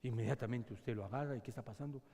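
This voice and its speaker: A man pastor preaching a sermon, swinging between loud cries and hushed whispers. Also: mid-range voice, racing. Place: church sanctuary. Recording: long church hall reverb.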